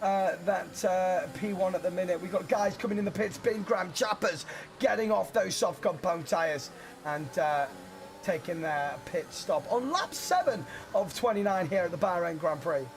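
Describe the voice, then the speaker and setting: Man, motorsport commentator, very high voice, gravelly creak, conversational halting race call. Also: slight background noise. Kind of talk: live esports racing race commentary.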